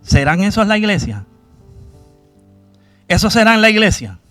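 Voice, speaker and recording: A man's voice: sits high, big pitch swings, unhurried, fairly bright tone, no room sound, soft background music. A man preaching a sermon, questioning his congregation and acting out cries to God. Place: church.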